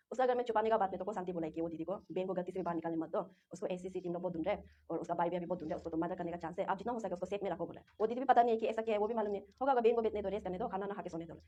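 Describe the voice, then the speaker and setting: A woman's voice: on the low side, warm tone, slight background noise. A young woman from Arunachal Pradesh, a local language her first tongue, giving a rambling, distressed first-person account. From Arunachal Pradesh, Northeast India. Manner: rambling, repetitive, distressed retelling. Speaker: interviewee. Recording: dull lo-fi recording.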